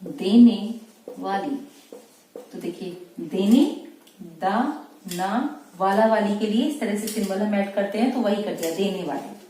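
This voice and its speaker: A woman, a shorthand teacher, giving a slow, deliberate lesson and repeating words syllable by syllable. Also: mid-range voice, warm tone. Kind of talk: slow dictation-style lesson. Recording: echoey room, far from mic, faint noise.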